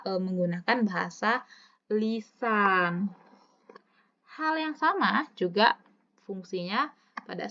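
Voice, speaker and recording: A woman teacher giving a recorded lesson, slowing down to read example sentences aloud and adding casual, chatty asides. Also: a little high, pushed and bright. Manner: stretches words slowly when demonstrating intonation. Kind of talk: recorded online lecture. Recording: slightly dull lo-fi audio.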